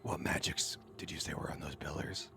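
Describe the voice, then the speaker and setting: A man playing a tabletop game, speaking in a hushed, whispery way. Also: very deep voice, a little fast, gravelly, music in the background. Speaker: player.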